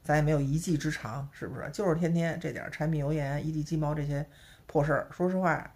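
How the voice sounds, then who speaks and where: A woman's voice: deep voice, fast, a little mellow. A woman with a Beijing accent chatting casually to camera as a vlogger, peppering her talk with rhetorical tag questions. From Beijing, China.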